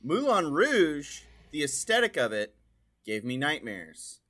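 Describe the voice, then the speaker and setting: A man's voice: on the high side, big pitch swings, takes it slowly, a bit bright. A man in a casual group chat, wry and blunt with teasing remarks.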